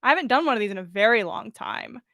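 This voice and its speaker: Her fairly high voice is gravelly and sharp, with lively intonation and a quick pace in a dry recording. The woman hosts a podcast livestream, chatting and reading fan fiction close to a pop-filtered mic while giggling, staying informal, and swearing casually.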